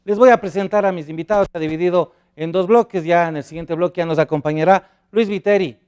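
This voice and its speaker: A TV talk show host with a high, darkish, clean-toned voice speaks fast as he runs a panel, introducing guests and asking questions. He's formal and welcoming, though he slips on a name.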